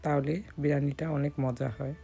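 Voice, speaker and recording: Cooking vlogger, woman, low husky-hoarse voice, calm walk-through, soft music underneath. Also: brisk. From Bangladesh. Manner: calm step-by-step instructions. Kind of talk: recipe voice-over narration.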